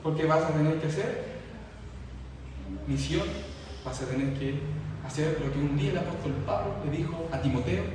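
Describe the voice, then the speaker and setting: A man's voice: fairly high pitch, moderate pace, pauses often, darkish tone. A male pastor preaching a fervent sermon, repeating phrases as his emphasis builds, heard in a church hall. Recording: echoey hall from far off, faint noise.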